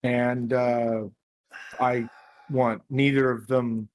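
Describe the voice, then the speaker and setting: A man's voice: medium pitch, flat delivery, very slow. A man co-hosting a casual fantasy football podcast, blunt and opinionated, often repeating himself. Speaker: podcast co-host.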